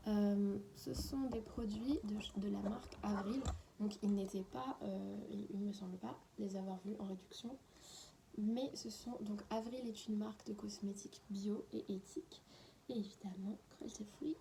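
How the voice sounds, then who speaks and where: A woman talks through a beauty haul in a relaxed, unscripted way, her voice mellow and soft-edged. She keeps slipping into a half-whisper between livelier remarks. A faint hiss sits under the recording. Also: mid-range voice, vocal fry. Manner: chatty, often drops to a half-whisper. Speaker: beauty vlogger. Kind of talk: casual unedited haul chat.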